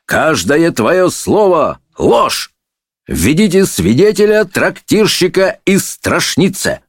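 A man's voice: fairly high pitch, wildly swooping pitch, slightly rough, no room sound, studio quality, pitched above the performer's own voice, exaggerated voice. A man voicing a roaring, pompous old-fashioned judge. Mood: bullying. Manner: roaring, bullying, drawn-out shouts. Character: blustering pompous male judge.

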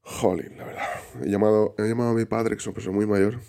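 A man with a deep, dark, creaky voice talks fast in a fairly even tone while hosting a casual live stream. He's unwell and recovering from illness, rambling, restarting often, and reading out viewers' names from chat to greet them.

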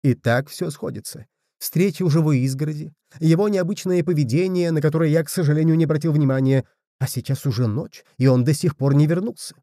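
A man voicing Zventibold, a worried, earnest male cousin of a small folk who talks gravely. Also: on the high side, fairly quick, dark tone, no echo, studio quality, natural voice. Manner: earnest, rising to alarmed cries.

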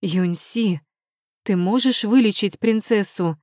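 A woman's voice: medium pitch, slow pace, a little mellow, dry recording, studio quality, natural voice. A woman voicing a worried middle-aged empress pleading urgently for her daughter in an audiobook. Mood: anxious imploring.

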